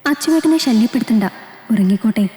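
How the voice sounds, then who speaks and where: A woman's voice: fairly high pitch, expressive, fast talker, warm tone, echoey room, big-room sound, lightly acted. A woman voicing an earnest, affectionate young woman in a storybook romance. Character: devoted young woman in love.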